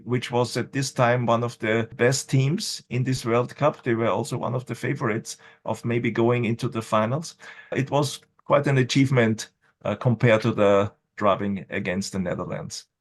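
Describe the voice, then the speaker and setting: A man in his sixties with an Austrian accent, German his first language, reminiscing as a guest in a podcast interview, measured and restarting often. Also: medium pitch, fairly even intonation, a little hiss or hum. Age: 60s. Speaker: guest blogger.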